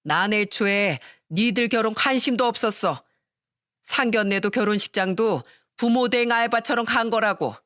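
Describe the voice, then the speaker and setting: A narrator voicing a shameless middle-aged mother-in-law who shouts defiantly for a storytelling radio piece. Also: mid-range voice, moderate pace, no echo, clean studio sound, natural voice. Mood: brazen, scornful.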